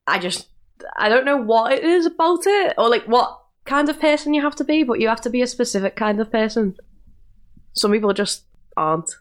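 A woman's voice: a little high, expressive, fairly quick. A woman co-hosting a podcast, chatting casually and telling everyday anecdotes. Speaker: podcast co-host.

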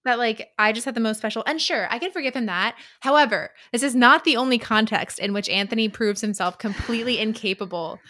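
A woman's voice: fairly high pitch, fairly quick, few pauses, sharp tone, no echo. A young woman co-hosting a book podcast, wry and skeptical, musing at length. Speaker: podcast co-host. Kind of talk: casual book chat.

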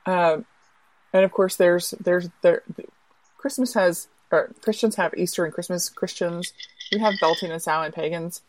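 Woman guest author, casual and animated, lower voice, restarts a lot. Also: moderate pace. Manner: chatty, animated, restarts phrases. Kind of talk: casual podcast chat and storytelling.

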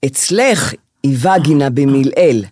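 A woman's voice: extremely low pitch, lively intonation, darkish tone, husky, dry recording, studio quality. A woman co-hosting a podcast, telling a personal story in a theatrical, mock-dramatic way. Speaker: podcast co-host. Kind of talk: casual chat, comic storytelling.

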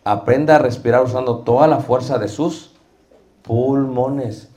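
Middle-aged guy lecturing a preaching class, real slow, asks the class questions. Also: medium pitch, mellow, a little hiss or hum. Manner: slow, deliberate teaching with rhetorical questions. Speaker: homiletics teacher.

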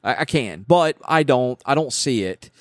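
Animated man, lively pitch. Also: dry recording, clean studio sound. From West Virginia. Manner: animated, opinionated, quick to scoff. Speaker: podcast host. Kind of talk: casual chat.

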